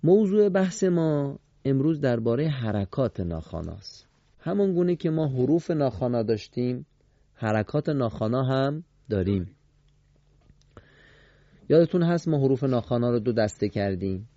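A man teaching a Quran recitation lesson to a studio class on radio, quizzing the students and repeating their answers with emphatic pitch swings. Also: very animated, mellow, no echo, highs cut off.

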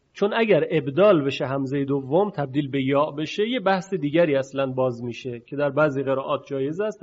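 A man leads a recitation lesson, explaining rules patiently and stretching out sounds to show them. His voice sits a little high. The recording is dull and lo-fi. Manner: patient, demonstrating sounds slowly and repeating them. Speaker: Quran recitation teacher.

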